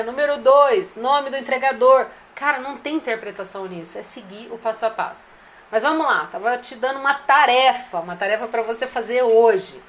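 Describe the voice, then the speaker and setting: A woman's voice: fairly high pitch, a bit bright. A woman giving a direct, coaching business talk to restaurant owners, speaking to them familiarly. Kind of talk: live-streamed business advice talk.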